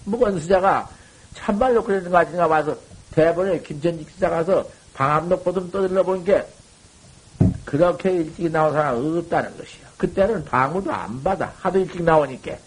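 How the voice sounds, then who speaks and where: A man giving a dharma talk to monks, folksy and colloquial, swinging from loud exhortation to low murmurs. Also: fairly quick, husky, low-quality recording. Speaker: Buddhist monk teaching.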